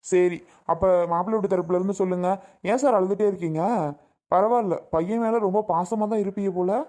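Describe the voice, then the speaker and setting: A man's voice: high-pitched, a little fast, a little mellow, lightly acted. A man playing a patient police officer who questions a family steadily in a drama skit.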